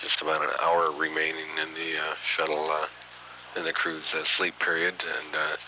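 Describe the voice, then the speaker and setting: A man giving matter-of-fact mission control status commentary, halting often with uhs and pauses, on an archival radio feed. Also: rumbling low, completely flat delivery, sharp tone, a little hiss or hum, poor audio. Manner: halting, hesitant delivery with frequent uhs and pauses. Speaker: mission control announcer, public affairs commentator. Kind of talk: spaceflight status commentary, partly improvised.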